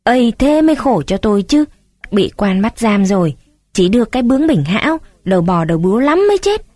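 A woman's voice: mid-range voice, lively intonation, normal speed, mellow, dry recording, natural voice. A woman voicing an older male village chief who grumbles and scolds in a blustering way. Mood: exasperated.

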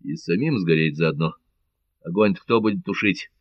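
A man's voice: low voice, normal speed, dry recording, dull audio. A man reading a bold, impatient pirate captain in an audiobook, speaking in short commanding orders. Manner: curt, commanding.

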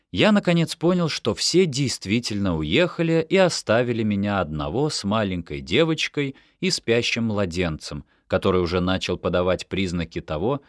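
A man reading an audiobook in first-person narration, expressive and animated. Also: on the low side, dry recording, studio quality.

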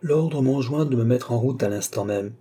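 A man voicing a young army officer who speaks gently and with concern to his sister. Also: medium pitch, moderate pace, breathy edge, lightly acted.

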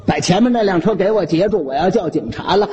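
Performer doing a panicky fat uncle, Beijing accent, high shrill yelling, wild swings in pitch. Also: male voice, animated, fast talker, a little hiss or hum. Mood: indignant. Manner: shrill shouting, stammering. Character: flustered fat middle-aged man chasing his bike.

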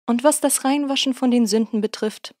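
A woman voicing a calm, smiling priest in an audiobook, speaking gently, unhurried and slightly ironic. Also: a little high, no echo, studio quality, voice pushed up, lightly acted. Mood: gently teasing. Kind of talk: audiobook character voice.

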